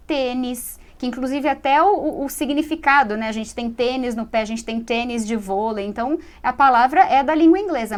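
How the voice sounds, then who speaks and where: High-voiced Brazilian woman teaching English. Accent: Brazilian Portuguese. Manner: explanatory, frequent tag "né?". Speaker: English teacher and show host. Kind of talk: TV English lesson.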